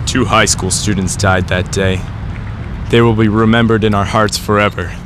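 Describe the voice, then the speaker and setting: A man playing a solemn, deadpan narrator in mock-serious scripted documentary style. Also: fairly low pitch, moderate pace, close to an everyday voice. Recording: loud outdoor ambient noise.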